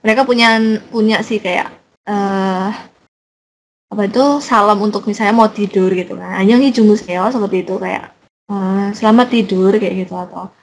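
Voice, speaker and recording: A woman's voice: medium pitch, steady tone, normal speed, vocal fry, long pauses, low-quality recording. A young woman teaching a casual online language lesson, explaining in a chatty way with many fillers and self-corrections.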